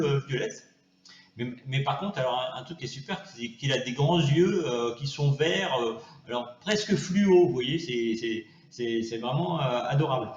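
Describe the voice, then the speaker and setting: Hesitant man in a roomy room. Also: lo-fi sound. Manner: hesitant, many fillers and restarts; high cooing baby talk to the pet. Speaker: vlogger. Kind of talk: improvised comedic monologue.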